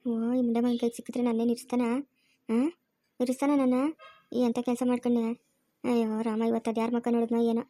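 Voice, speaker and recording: A woman's voice: extremely high pitch, quick pace. A woman voicing a bossy scolding village aunt. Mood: muttering worried. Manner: scolding, barking orders. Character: harsh village aunt, middle-aged, bossy and scheming. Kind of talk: cartoon dubbing.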